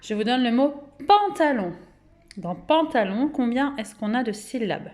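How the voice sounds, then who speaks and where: A woman with a French accent teaches a remote phonics lesson to small children. She speaks slowly and patiently, in a fairly high voice, and stretches out each word so the syllables can be counted. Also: lively intonation, a little mellow. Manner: slow, clear, patient, syllables drawn out and repeated. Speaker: kindergarten teacher.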